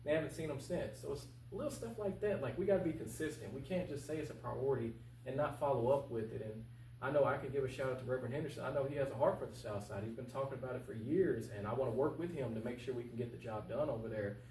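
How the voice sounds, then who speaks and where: A man in his twenties, running for local office, is interviewed and answers casually and earnestly in a fast, mellow, mid-range voice. He's colloquial and emphatic, repeating points for stress, and the roomy, distant mic picks up a faint hum.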